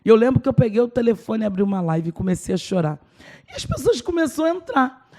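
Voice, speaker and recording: A woman's voice: on the high side, sing-song, fast talker, warm tone. A woman pastor with a Brazilian Portuguese accent telling a personal testimony in a podcast interview, emotional and acting out the dialogue. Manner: emotional storytelling, acts out dialogue.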